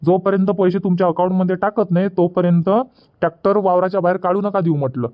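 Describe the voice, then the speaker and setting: In a dubbed cartoon comedy, a man voices plain-spoken village orange farmers, chatting in a colloquial Varhadi Marathi accent from Vidarbha with rustic, repetitive banter. His voice sits high and steady, he talks fast with light acting and a chatty mood, and the lo-fi audio sounds dull.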